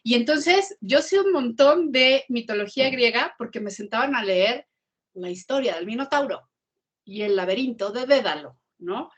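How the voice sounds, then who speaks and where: A woman with a Mexican accent telling a lively story as a guest on a video call, in an animated way. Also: a little high, moderate pace, breathy edge. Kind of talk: storytelling in an online class interview.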